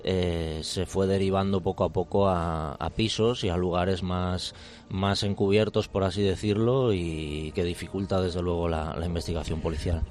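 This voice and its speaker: A male police commander with a Spain Spanish accent, answering interview questions in a measured, formal way with frequent hesitations. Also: low-pitched, steady tone, darkish tone. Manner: measured, formal, hesitant with many fillers and restarts.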